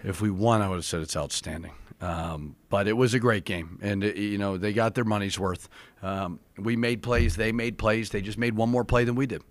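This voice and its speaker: A middle-aged man, a head basketball coach, answering press questions at a desk mic in a firm, plain-spoken, measured way. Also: fairly low pitch, steady tone. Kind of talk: postgame press conference answers. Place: press room with sponsor backdrop, indoors.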